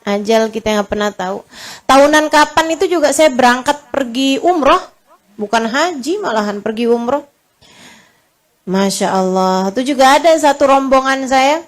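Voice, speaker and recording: In a high, expressive voice at normal speed, a woman Islamic preacher tells emotional stories during a sermon. She jokes casually, chats with the audience and calls them friends, quieting to a hush whenever she quotes comfort.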